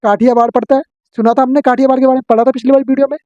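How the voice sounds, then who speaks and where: A man teaching an exam-prep geography lesson, drilling his students with quick questions and answers. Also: very high-pitched, flat delivery, warm tone, no room sound, dull audio.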